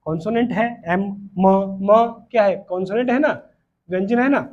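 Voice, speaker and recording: A man with an Indian English accent teaches a classroom grammar lesson, repeating points often and frequently asking whether students follow. His high voice is a little mellow at a moderate pace, and the sound is dull and lo-fi.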